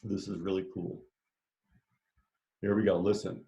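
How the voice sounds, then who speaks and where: In an echoey room, a chatty, enthusiastic male art teacher leads a children's art lesson, directing the students step by step. His voice is deep, warm and level, and he speaks unhurriedly.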